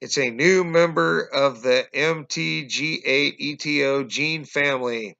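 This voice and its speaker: Speaking into a webcam in a small room at home, a conspiracy vlogger in his forties gives a casual explanatory monologue and addresses his viewers as "guys." His fairly high, pushed, bright voice is going hoarse, and he coughs while halting through fillers and restarts. The recording is dull lo-fi webcam audio.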